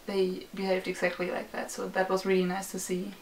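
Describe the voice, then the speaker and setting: A woman's voice: medium pitch, monotone, brisk. A young woman, chatting enthusiastically as a vlog co-host about a concert she attended. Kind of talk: casual chat reviewing a concert. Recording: roomy, distant mic, faint noise.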